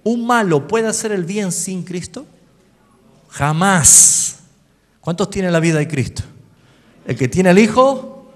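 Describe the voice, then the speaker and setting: An Argentine man preaches with a high voice and an unhurried pace. He drops to quiet asides, then rises to loud calls for the congregation to repeat after him. A long reverb trails each line through the hall. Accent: Argentine Spanish. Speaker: pastor. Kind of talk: sermon.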